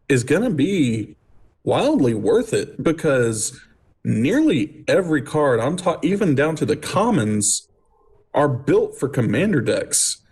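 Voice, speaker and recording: A man's voice: a little high, breathy edge. A man co-hosting a casual chat show, rambling and jokey, who goes off on comic tangents. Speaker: podcast co-host.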